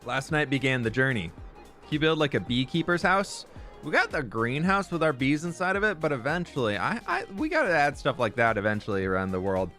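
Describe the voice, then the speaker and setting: A man's voice: mid-range voice, sing-song, brisk, bright, forceful tone. Young male streamer, easygoing and talkative, mid-range voice, reading chat aloud over faint music. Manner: upbeat, chatty, greets viewers by name. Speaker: live streamer. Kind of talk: casual live-stream chat while gaming. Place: room at home.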